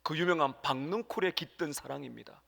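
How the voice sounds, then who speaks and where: A man preaching a sermon as pastor, emphatic, jumping between loud exclamations and quiet asides and acting out quoted prayers. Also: on the high side, a little fast, creaky. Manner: acts out quoted prayers and dialogue. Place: church sanctuary. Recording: long hall reverb.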